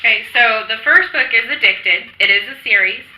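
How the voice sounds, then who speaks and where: A woman author chats about her books at a convention, her voice very bright. She explains things eagerly and at a quick clip. The echoey hall rings around her. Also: a little high, recorded from a distance, slight background noise. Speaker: author guest. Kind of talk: casual interview chat. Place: convention venue.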